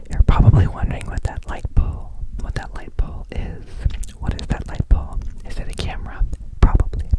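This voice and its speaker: A man speaks entirely in a soft ASMR whisper, with no voiced tone at all. He rambles as the host, lingering on words and repeating them, close up at the microphone as if from ear to ear. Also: rough recording. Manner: repeats words and phrases slowly.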